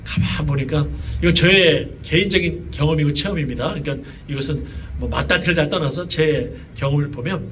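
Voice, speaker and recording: Middle-aged pastor guy preaching, high-ish voice, chatty with lots of questions, mic kinda far off. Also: fairly quick, hardly any pauses, fairly bright tone. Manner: conversational preaching with many fillers and rhetorical questions. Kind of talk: sermon. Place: church sanctuary. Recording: voice from a distance, faint room noise.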